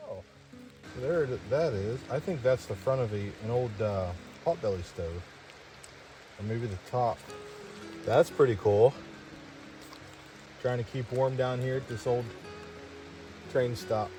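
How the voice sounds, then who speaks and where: A man vlogging outdoors in a winter forest while metal detecting, chatty and excited as he talks through each find. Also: medium pitch, a little slow, pauses often, music in the background. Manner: chatty, excited, thinking aloud while digging. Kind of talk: outdoor vlog narration to camera. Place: outdoors in a winter forest by old railroad tracks.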